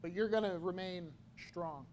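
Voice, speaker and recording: A man preaching a sermon, slow and halting, often repeating his words as he goes. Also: high-pitched, darkish tone, a little hiss or hum. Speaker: pastor.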